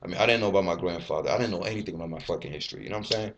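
This fitness vlogger is a man in his twenties from Ivory Coast whose first language is French. His deep voice races as he rambles and swears freely, talking candidly to a desk webcam in a small, bare indoor room. The audio is lo-fi with background noise.

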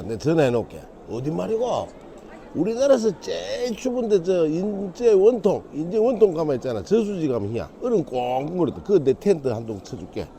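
A middle-aged man with a Gyeongsang dialect, trading rough, teasing banter on a phone call with blunt slang. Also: high voice, warm tone, slight background noise. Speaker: fishing channel host.

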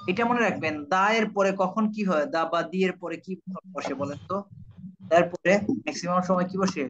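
Fairly quick and fairly bright, a high-voiced man from Bangladesh leads a live online IELTS class, repeating vocabulary and checking that students keep up. The audio is dull, with a little hiss or hum.

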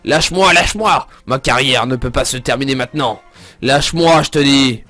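A man's voice: mid-range voice, normal speed, bright, forceful tone, dry recording, soft background music. A man voicing a scheming villainous team commander who makes bitter, furious threats as he reads through a game's story scenes. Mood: desperate.

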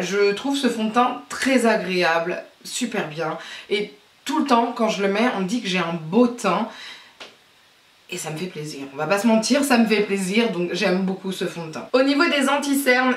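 A woman's voice: medium pitch, far from the mic. Chatty woman in her thirties, roomy sound. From France. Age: 30s. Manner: chatty, rambling, self-mocking, with small laughs. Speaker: beauty vlogger. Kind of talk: casual talk to camera. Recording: roomy echo, a bit off the mic.

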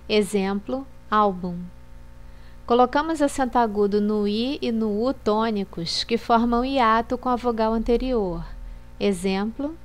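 A woman reading a scripted Portuguese lesson on accent marks in a slow, measured, list-like way. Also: on the high side. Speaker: Portuguese teacher.

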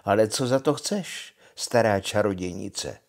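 An older man voicing a bold, cheeky young soldier in a read-aloud fairy tale, brash and lively. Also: fairly low pitch. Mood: bargaining.

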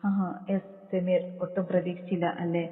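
A man's voice: high-pitched, flat delivery, moderate pace, natural voice. A man doing a smug, taunting rival. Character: menacing middle-aged man, taunting rival. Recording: tinny phone-like sound with long reverb.

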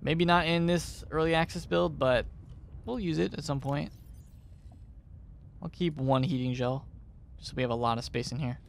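A man's voice: a little high, fairly even intonation, normal speed, gravelly, long pauses, a little hiss or hum. A man giving let's play commentary, chatty and thinking aloud as he plays, often unsure of himself. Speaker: gamer.

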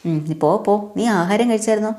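A woman's voice: mid-range voice, quick pace, warm tone, pitched above the performer's own voice, lightly acted. A woman voicing a bossy but doting older woman who runs the house.

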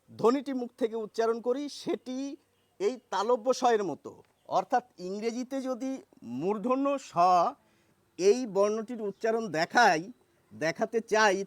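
A man teaching a lesson on pronunciation, speaking slowly and deliberately and repeating sounds to demonstrate them. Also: high-pitched, no echo. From Bengal. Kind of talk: explanatory lesson.

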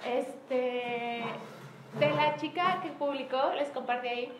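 A Mexican woman leading a sales team meeting in casual motivational talk, acting out quoted dialogue with lively shifts. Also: sits high, takes it slowly. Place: room with a small group present. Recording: echoey room, faint background noise.

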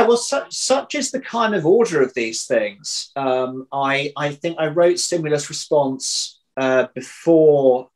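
In this low-quality computer video call, a man in his thirties with a mid-range voice chats casually from a room at home. He's an audio drama writer appearing as an interview guest, and he thinks aloud hesitantly, often restarting and repeating words.

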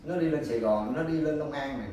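A man from Cà Mau with a southern Vietnamese Mekong Delta accent, telling in a halting, repetitive way how he has searched for his wife. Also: medium pitch, dark tone. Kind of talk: personal account in an interview. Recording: very echoey, distant, faint background noise.

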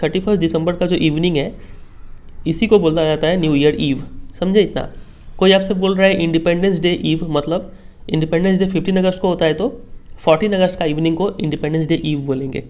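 A man's voice: fairly high pitch, darkish tone. A male teacher patiently explaining a school text line by line, often checking that students follow.

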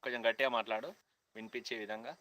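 A young man from Telangana with a Telangana Telugu accent, chatting loudly with viewers on a phone live stream outdoors on a college campus, half-shouting and greeting people by name. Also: medium pitch, fairly even intonation, racing, rough recording. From Telangana, India. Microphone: phone held at hand, no external mic.

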